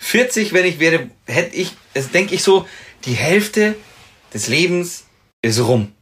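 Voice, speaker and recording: A man's voice: a little high, lively intonation, slow, fairly bright tone. A man in his thirties co-hosting a podcast, teasing and joking through casual chat. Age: 30s. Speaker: podcast co-host.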